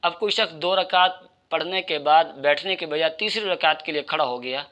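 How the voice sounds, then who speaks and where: A man's voice: fairly high pitch, moderate pace, pushed and bright, dull audio. A man giving religious instruction in a methodical, explanatory way, addressing his listeners directly. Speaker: Islamic religious teacher.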